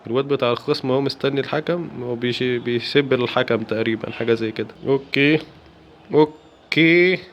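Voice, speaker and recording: A man with an Egyptian accent giving excited, playful commentary while playing a football video game. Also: medium pitch, fast, hardly any pauses, a little hiss or hum. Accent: Egyptian Arabic. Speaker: gaming YouTuber. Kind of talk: live gameplay commentary.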